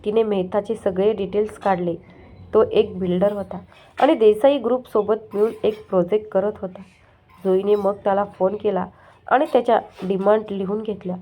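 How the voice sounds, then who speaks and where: A woman reads a story aloud at an even, steady pace, now and then stumbling and restarting a word. Her voice is mellow and soft-edged. The reading is plain storybook narration. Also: mid-range voice, moderate pace.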